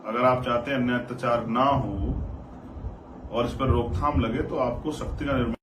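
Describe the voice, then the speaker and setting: A man's voice: medium pitch, fairly even intonation, moderate pace. A man giving an earnest, exhortative political address to his followers as an activist leader, repeating phrases for emphasis. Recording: roomy, distant mic, noisy background.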